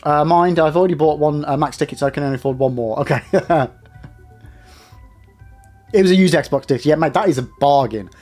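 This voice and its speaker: A young man chats away on a live stream, rambling and calling out to his viewers. His voice sits a little higher than most men's. Soft music plays faintly behind him. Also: a little fast, long pauses. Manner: chatty, rambling, addresses chat directly. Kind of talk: casual live-stream chat.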